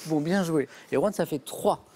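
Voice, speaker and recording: A man hosts a TV quiz show in a studio, reading out questions and then joking with the contestants in a lively, jokey way. His voice is on the high side and his speed is normal.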